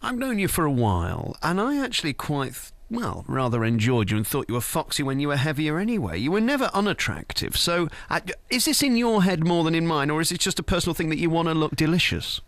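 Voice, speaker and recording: A man's voice: a little high, big pitch swings, quick pace, hardly any pauses, fairly bright tone, no echo. A man hosting a casual radio interview in a cheeky, blunt, teasing way. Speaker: radio show host.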